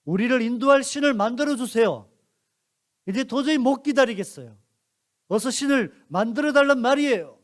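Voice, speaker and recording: A man voicing a crowd of impatient ancient Israelites in a children's Bible story, loud and high-pitched. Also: expressive, normal speed.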